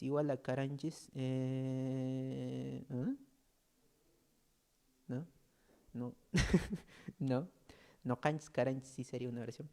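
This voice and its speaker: Man, Peruvian Spanish accent, online teacher, chatty, jokes with students, mellow. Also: medium pitch. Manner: chatty, joking, reads out student comments. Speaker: language teacher.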